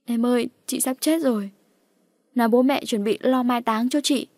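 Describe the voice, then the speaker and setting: A woman's voice: fairly high pitch, moderate pace, darkish tone, dry recording, pitched above the performer's own voice, close to an everyday voice. Woman voicing a sobbing older sister. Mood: despairing. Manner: sobbing, pleading.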